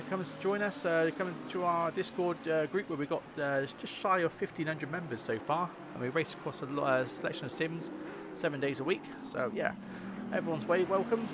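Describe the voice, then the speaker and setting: A man hosting a livestream with casual, chatty motorsport commentary on a sim race. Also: fairly high pitch. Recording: clear engine noise behind voice.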